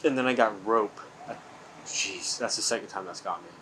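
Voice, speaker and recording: A man's voice: fairly low pitch, moderate pace, a bit bright. Casual young man, noisy room. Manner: casual, slangy. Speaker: paranormal investigator. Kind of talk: casual ghost-hunting vlog, calling out to spirits. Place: indoors in a large old house.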